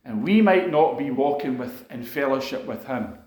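A man with a mid-range, expressive, slightly mellow voice preaches a sermon testimony to a congregation at a moderate pace, recorded in an echoey room. He tells his personal story in an emotional, conversational way, full of fillers and restarts.

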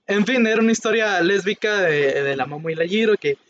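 A man's voice: high voice, expressive, brisk, a bit bright, dull audio, slight background noise. A young man with a Mexican Spanish accent, chatting casually and cracking wry, slangy jokes. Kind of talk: casual chat.

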